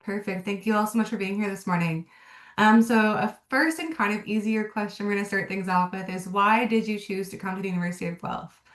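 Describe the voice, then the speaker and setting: A woman moderates a video-call panel. She sounds upbeat and brisk, with a mid-range voice. Her room is echoey. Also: medium pitch, fairly even intonation. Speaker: webinar moderator.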